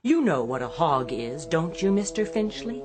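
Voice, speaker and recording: A woman acting in a radio drama as an exasperated, sharp-tongued secretary given to sarcastic retorts. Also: low-pitched, big pitch swings, normal speed, over music. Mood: mock-sweet, sarcastic.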